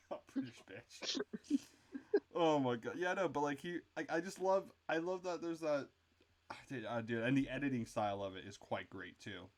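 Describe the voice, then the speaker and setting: A man's voice: medium pitch, fairly quick. A man co-hosting a casual show review, rambling with lots of fillers and frequent swearing. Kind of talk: casual chat.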